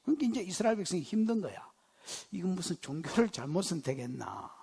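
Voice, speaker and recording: A middle-aged male pastor speaks in a Gyeongsang Korean dialect, his voice high-pitched, fast, husky, and full of vocal fry. He preaches a sermon as an animated storyteller, sharing personal stories and teasing the congregation with jokes. A long church hall reverb hangs over the recording.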